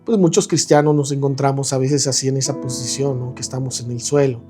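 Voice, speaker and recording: A man with a Mexican accent shares his testimony as a podcast guest, with a medium-pitched voice and very lively storytelling. He acts out the voices of the people in his story and often laughs at his own mishaps. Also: fairly quick, soft background music. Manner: animated, acts out quoted voices, laughs at himself.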